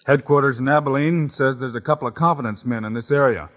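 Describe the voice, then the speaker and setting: An actor playing a steady, assured frontier marshal in an old radio western. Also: male voice, medium pitch, fast, natural voice. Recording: dull old radio recording with reverb.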